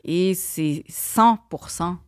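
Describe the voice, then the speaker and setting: A woman's voice: lowish voice, very slow, smooth, no echo, clean studio sound. Woman with a mixed Quebec-France French accent. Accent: hybrid of Quebec and France French. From Montreal, Quebec. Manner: rambling, with frequent restarts and fillers. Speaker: guest comedian. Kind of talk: casual podcast chat.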